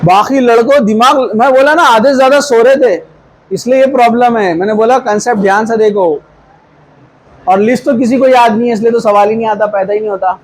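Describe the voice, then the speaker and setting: A man's voice: very high voice, brisk, slight background noise, low-quality recording. A man teaching a chemistry class in a classroom, quizzing students repeated questions and coaxing them toward the answers. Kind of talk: classroom lecture.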